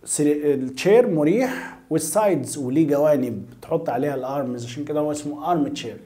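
A male English teacher with an Egyptian Arabic accent gives a vocabulary lesson. He says each English word several times, explains it in Arabic, and stretches out the definitions slowly. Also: a little high, warm tone. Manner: slow, drawn-out pronunciation of definitions. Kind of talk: vocabulary lesson, repeating words for pupils to echo.

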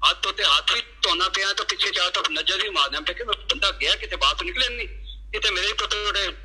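Bright, husky middle-aged man telling a story. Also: fairly high pitch, rough recording. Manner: lively storyteller acting out his own quoted words. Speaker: devotee sharing a satsang experience. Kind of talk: devotional testimony storytelling.

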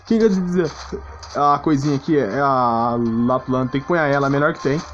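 A man with a Brazilian Portuguese accent speaks at medium pitch and a slightly quick pace, offering casual, slangy live game commentary with a mild grumble. He's a gaming streamer, and game music plays behind the muffled recording.

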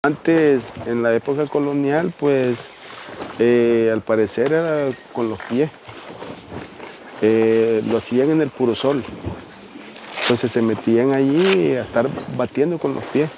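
A middle-aged man with a Salvadoran accent, plainly and haltingly explaining work as a guide, recorded outdoors. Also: medium pitch. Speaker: guide, indigo farm worker. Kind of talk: informal explanation in an interview. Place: outdoors on a rural hacienda. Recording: outdoor recording with faint background noise.

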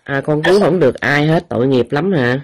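An older woman acting as a spiritual medium, speaking gently and repeating the child's words back in a soothing prayer session. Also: deep voice, fairly quick. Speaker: spiritual medium praying for the dead.

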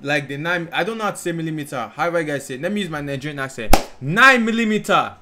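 In an indoor bedroom, small and bathed in pink and red light, a young adult man reacts excitedly to rap lyrics while a rap track plays faintly. His voice is on the high side, animated and fast, and there's heavy background noise as he exclaims and puzzles aloud.

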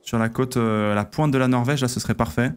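A man streaming a strategy-game role-play, talking through his moves in an excitable, exclamatory way. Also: mid-range voice, fast talker, smooth. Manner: excitable, exclamatory, thinks aloud.

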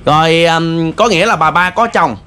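A man with a Southern Vietnamese accent, interviewing politely and gently with many fillers. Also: a little high, normal speed. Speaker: vlogger interviewer. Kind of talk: casual interview.

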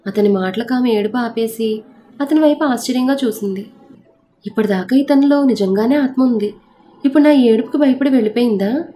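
A woman storyteller reading a story in a steady, expressive narration. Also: fairly high pitch, fairly quick, a little hiss or hum. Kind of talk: scripted audiobook narration. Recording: narration over soft background music.

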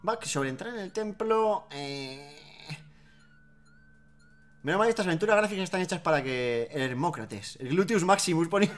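Let's-play host, high-pitched, jokes and swears. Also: male voice, animated, normal speed, long pauses, soft background music. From Spain. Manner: joking, swearing, laughs often. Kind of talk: casual gameplay commentary.

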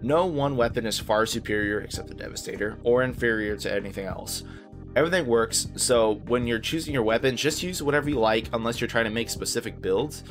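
A man's voice: mid-range voice, fairly quick, music in the background. A man narrating a casual video game guide as host, informal, easygoing and reassuring in how he talks.

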